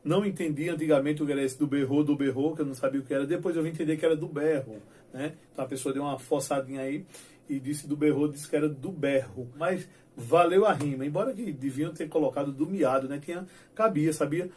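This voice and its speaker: A man from Brazil teaching a poetry video lesson, his voice sitting a little high for a man. He talks in a chatty, playful way and recites verses with a rising, declamatory lift. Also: quick pace, darkish tone, slightly rough.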